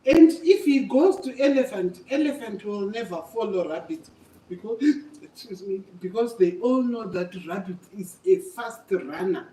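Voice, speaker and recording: At a normal speed, an older woman with a dark-toned, mid-range, expressive voice tells children an animated story, emphasizing and repeating things like a teacher. There is slight background noise. The distant microphone captures an echoey room.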